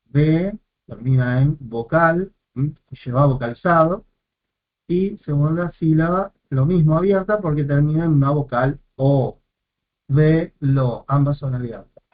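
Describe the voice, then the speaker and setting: Slow, methodical male teacher on tinny audio. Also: on the high side. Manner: methodical, repeats and sounds out syllables, corrects himself. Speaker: Biblical Hebrew teacher. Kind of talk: slow step-by-step lesson.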